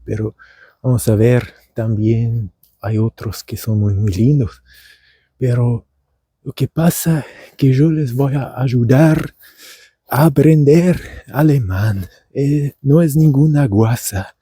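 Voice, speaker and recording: Outdoors at dusk, a male language teacher and podcaster rambles through a comedic monologue in Argentine Spanish learned as a German speaker, theatrical and meandering, with many fillers and restarts. His mid-range voice is husky and very dark in tone, his pace slow. The audio is dry with no echo.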